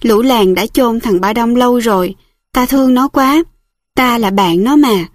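A woman's voice: a little high, measured pace, dry recording. Woman reading a story, dry sound. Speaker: narrator. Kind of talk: audiobook reading.

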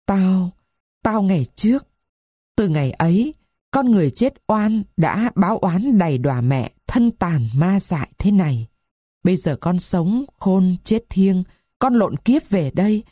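A woman voicing a dying blind old woman who speaks in a faint, trembling, rasping way. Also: medium pitch, expressive, measured pace, dark tone, no echo, clean studio sound. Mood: tearful pleading.

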